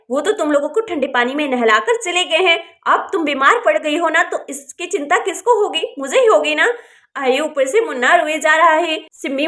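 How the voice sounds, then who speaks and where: A woman's voice: sits high, fairly bright tone. A woman voicing a fussy, worried village housewife who scolds yet cares for everyone. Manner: fussy, complaining.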